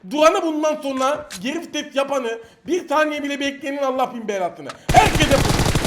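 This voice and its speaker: Young man, gameplay commentary, teasing trash talk, very high-pitched, clear game gunfire behind. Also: noisy background. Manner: teasing, playful trash talk with sudden outbursts at enemies. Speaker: mobile shooter gameplay streamer. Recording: home mic with loud game gunfire behind.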